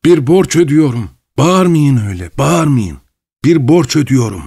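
A man's voice: on the high side, normal speed, mellow, voice pushed up, close to an everyday voice. A man voicing a sly, drunken middle-aged man who teases and giggles in a raised voice. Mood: mocking, giggling.

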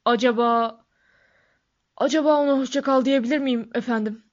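Hagrid, a woman voicing a loud tearful giant man. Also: fairly high pitch, fairly even intonation, moderate pace, lightly acted. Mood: sobbing. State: sobbing. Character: huge gruff male half-giant groundskeeper, soft-hearted. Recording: dull lo-fi recording.

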